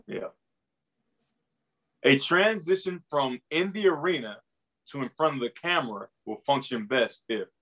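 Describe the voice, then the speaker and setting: A man's voice: medium pitch, a little slow, pauses often, fairly bright tone. A man hosting a casual sports interview, informal and affirming, repeating himself for emphasis. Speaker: podcast host.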